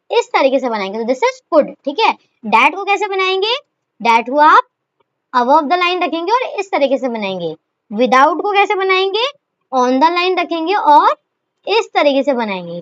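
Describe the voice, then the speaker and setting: A high-voiced woman with a slightly bright tone explains a shorthand lesson, posing questions to herself and answering them while repeating "okay." She fondly calls her students children, and the recording sounds dull and lo-fi.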